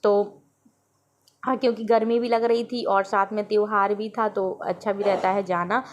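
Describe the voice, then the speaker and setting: A woman's voice: medium pitch, level tone, moderate pace. A woman and mother narrating her family's day in a casual, chatty vlog voice-over. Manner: chatty, storytelling about family life.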